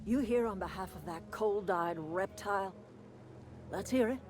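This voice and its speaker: An actress with a mid-range, natural voice speaks at a measured pace as a proud, motherly old woman who runs a camp in a video game. Her folksy, plain-spoken lines come out bitter and defiant, with music playing behind her.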